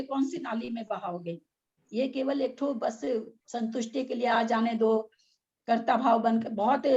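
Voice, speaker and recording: Husky high-voiced woman leading frank discussion. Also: dark tone, muffled recording. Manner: frank, argumentative, rhetorical questions. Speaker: religious discussion leader. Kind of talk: casual spiritual discussion.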